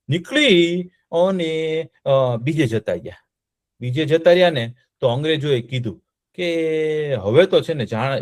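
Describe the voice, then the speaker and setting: Man, children's storyteller, keeps asking the kids questions, fairly high voice, dry sound. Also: no room sound. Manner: lively, often quizzes the children with check-in questions. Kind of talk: telling a history story to children.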